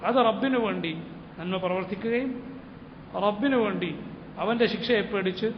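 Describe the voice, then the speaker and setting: A man giving a Quran commentary lecture, slowly chanting Arabic verses and then explaining them phrase by phrase. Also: high-pitched. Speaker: Quran teacher. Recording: echoey hall, dull muffled sound, faint hiss.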